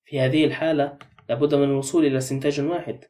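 A blunt, suspicious middle-aged man, as a male narrator reads him. Quick, dark and mellow in tone. The mic is set back a little. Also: mid-range voice, level tone, far from the mic, natural voice.

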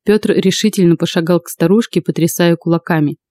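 A woman narrating first-person fiction for an audiobook in a calm, even storytelling voice. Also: on the low side, fairly quick, dry recording.

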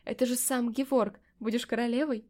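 A sly, all-powerful witch, put on by a woman reading a storybook, raised a little higher and louder than the narration around her. She coaxes and teases, and sounds mock-surprised whenever she is challenged. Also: steady tone, a little fast, natural voice. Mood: teasing. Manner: coaxing and teasing, mock-surprised. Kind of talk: audiobook character voicing.

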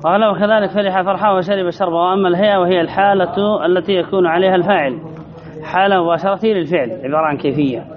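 High-voiced man teaching grammar, lo-fi. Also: quick pace, a crowd in the background. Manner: reads a line then explains, repeats phrases and asks questions. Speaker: sheikh teaching Arabic grammar. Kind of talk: classroom lesson explaining a text. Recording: dull lo-fi recording with audience noise.

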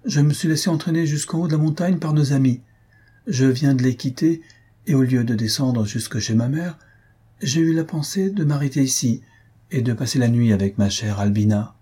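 A man voicing Minella, a bold and merry sixteen-year-old girl, in a lively storytelling manner with a very husky voice. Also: medium pitch, moderate pace, voice pushed up, natural voice.

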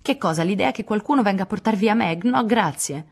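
Woman reading feisty blunt teenage girl, raised pitch over a husky low voice. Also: lively intonation, fairly quick. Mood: indignant. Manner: blunt, impulsive. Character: spirited outspoken teenage girl.

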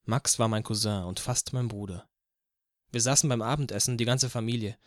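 A man narrating an audiobook in a calm, even first-person reading. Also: mid-range voice, a little fast, no room sound, clean studio sound. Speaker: audiobook reader.

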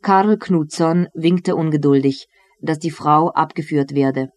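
A reader giving a measured, deliberate reading of a novel as an audiobook. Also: medium pitch, a little mellow.

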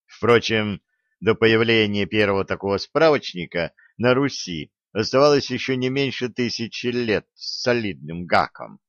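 A man narrating an audiobook in an even, wry storytelling manner. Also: on the low side, normal speed, dry recording, dull audio. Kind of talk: scripted narration.

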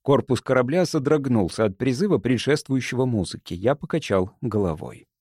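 A man reading a first-person audiobook in an expressive, dramatic way. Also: mid-range voice, a little fast, breathy edge, dry recording. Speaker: audiobook narrator.

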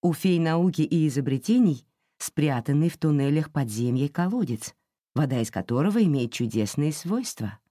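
A woman reading a storybook aloud and voicing a calm older fairy teacher who explains patiently. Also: low-pitched, normal speed, no echo, clean studio sound, pitched below the performer's own voice. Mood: explaining.

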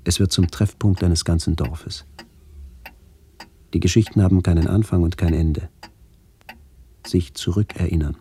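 With a low, dark voice and fairly even intonation, the man performs a brooding radio-play narrator reflecting in halting phrases on his lost village, over slight background noise.

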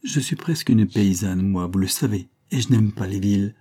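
A man voicing a gentle but resolute young country girl in an audiobook, speaking softly and pleading, then firmly. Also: on the low side, moderate pace, slightly rough. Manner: soft, pleading, then firm. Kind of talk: audiobook character reading.

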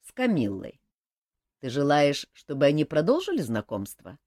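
A woman's voice: low voice, huge pitch swings, moderate pace, darkish tone, dry recording, clean studio sound, heavily acted. Woman doing a grumbling hot-tempered prince. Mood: blustering. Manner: grumbling, blustering. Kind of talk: audiobook character voice.

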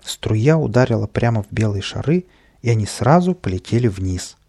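Gravelly-voiced man reading a children's story. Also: medium pitch, brisk. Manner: lively storytelling, plays all the voices. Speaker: audiobook narrator. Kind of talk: children's audiobook narration.

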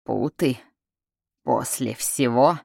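A woman voicing a hoarse, seething night prince. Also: mid-range voice, slow pace, a little mellow, dry recording, studio quality, full character voice. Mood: grim, curt. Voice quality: hoarse, clipped. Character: brooding furious male night prince, curt and menacing.

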